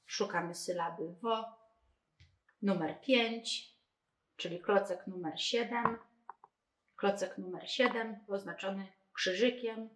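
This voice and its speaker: Woman, methodical step-by-step explaining, slow pace, mid pitch, roomy echo. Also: fairly even intonation, slight background noise. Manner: slow, methodical, talking through each move. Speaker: presenter of a reading game. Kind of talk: step-by-step demonstration.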